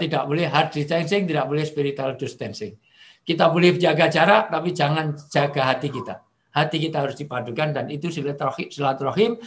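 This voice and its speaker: A middle-aged man preaching over a video call, lively and joking, now and then acting out angry shouting. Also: a little high. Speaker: Islamic preacher. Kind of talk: online religious talk.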